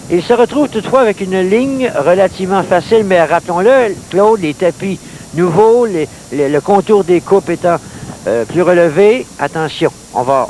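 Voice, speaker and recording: Male Quebecois golf-style commentator, voice a little high, measured clipped shot calls, faint noise on an old TV broadcast recording. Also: darkish tone. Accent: Quebec French. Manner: measured, clipped phrases following each shot. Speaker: play-by-play commentator. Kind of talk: golf-commentator style play-by-play of a mini-putt match. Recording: noisy late-1980s TV sports recording.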